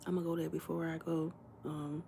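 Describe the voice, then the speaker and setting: A young woman chats with her live-stream audience from indoors at someone else's house, keeping her voice hushed and low, often whispering, with vocal fry at a normal speed. She brings her stories to life by acting out the dialogue, and there's a little hiss or hum.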